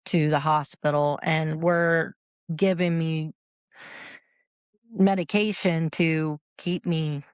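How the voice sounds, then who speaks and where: Middle-aged woman guest, low steady voice, smooth tone, halting emotional storytelling with restarts; dry close recording. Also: no echo. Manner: halting, with restarts and repeated phrases.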